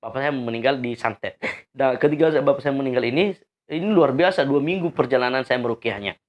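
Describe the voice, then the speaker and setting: A man telling his story to an audience in an earnest, emphatic way, often pausing with hesitations. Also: mid-range voice, muffled recording. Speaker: convert giving testimony. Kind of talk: spoken testimony to an audience.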